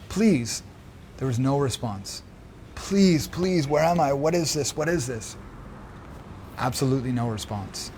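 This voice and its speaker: A man's voice: mid-range voice, slight background noise. A man earnestly telling a personal spiritual story, emphatic and repeating phrases for effect. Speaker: spiritual video creator.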